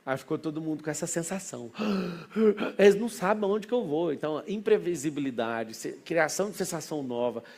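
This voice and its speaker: A man with a Brazilian Portuguese accent, a business mentor telling an excitable story to a group, full of asides. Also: a little high. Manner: excitable, rapid anecdotal delivery with many asides.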